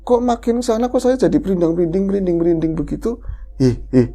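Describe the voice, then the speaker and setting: A woman host retelling a listener's ghost story in the first person, lively and animated, acting out the quoted voices. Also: lowish voice, fast talker, faint music behind. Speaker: horror story podcast host.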